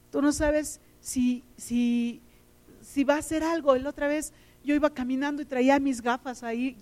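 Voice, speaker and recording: A middle-aged woman preaches with a fairly high voice. She tells personal stories with feeling and often repeats words for emphasis. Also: darkish tone. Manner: emotional, storytelling, repeats words. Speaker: teacher and lay preacher.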